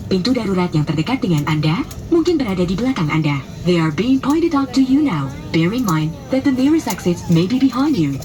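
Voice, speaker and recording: Female cabin announcer, formal flight safety demo read with lively, varied intonation over music. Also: medium pitch. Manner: formal, instructional.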